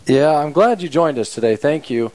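A man hosting an interview, talking casually and warmly, with lots of fillers and restarts. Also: on the high side, animated, normal speed. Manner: warm, rambling, full of fillers. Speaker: host.

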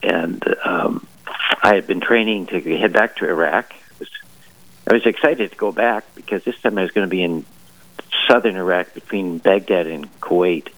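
Phone-in guest: middle-aged male priest, low voice, dry phone sound, halting and chatty. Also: a bit bright, no room sound, low-quality recording. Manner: halting, many fillers and restarts, chuckles. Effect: heard over the phone. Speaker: priest and army chaplain, radio guest. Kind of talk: casual interview answers.

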